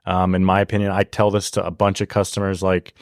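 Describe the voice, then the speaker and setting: Low-voiced sales guy, relaxed, lots of ums, dry mic. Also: quick pace, dry recording. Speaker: inside sales team member. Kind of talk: casual chat.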